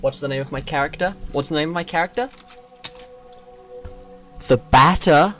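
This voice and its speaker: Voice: mid-range voice, normal speed, fairly bright tone, soft background music. A streamer chatting during a live game stream, joking and rambling in a self-mocking way.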